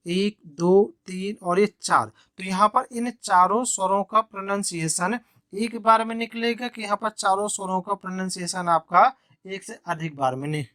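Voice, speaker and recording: A man's voice: high-pitched, fairly bright tone, no room sound, clean studio sound. A male teacher explaining an English grammar lesson in Hindi, step by step, with frequent repetition of key points.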